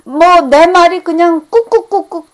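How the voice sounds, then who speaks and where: A middle-aged woman preaching a sermon, earnest, rising to emphatic peaks and then dropping to hushed, quiet tones. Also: extremely high pitch, normal speed.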